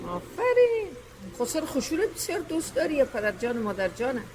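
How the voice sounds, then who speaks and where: A woman from Afghanistan hosts a casual interview with a fairly high voice. She talks in an effusive, flattering way and breaks into recited verse. Faint noise sits behind her. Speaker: interview host.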